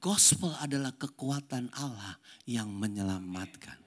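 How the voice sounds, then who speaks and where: An older man, a pastor, preaching a sermon and telling a family story, swinging between loud emphatic lines and hushed, soft passages. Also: medium pitch, animated, a little slow.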